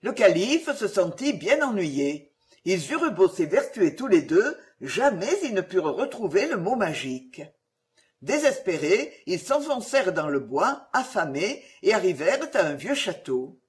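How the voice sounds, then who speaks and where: Lively, expressive storybook narrator. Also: medium pitch, measured pace. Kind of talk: storybook reading.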